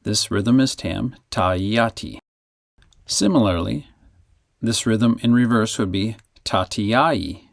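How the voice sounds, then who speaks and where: A man's voice: on the low side, creaky, no room sound, clean studio sound. A man teaching music in a methodical instructional voice, chanting rhythm counting syllables as he explains. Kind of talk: instructional narration.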